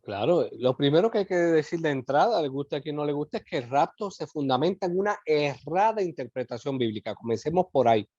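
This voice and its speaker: Puerto Rican missionary guest, animated, voice a bit high, muffled sound. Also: male voice, brisk, few pauses, dry recording. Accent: Puerto Rican Spanish. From Puerto Rico. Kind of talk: explanatory talk.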